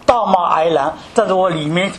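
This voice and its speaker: An older man from mainland China preaching a sermon, posing rhetorical questions and telling his story with animated emphasis. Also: high-pitched, moderate pace, slight background noise.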